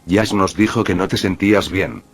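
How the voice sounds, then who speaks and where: A man's voice: sits low, moderate pace, breathy edge. A man voicing a casual, easygoing teenage boy sidekick in a read-aloud fan story.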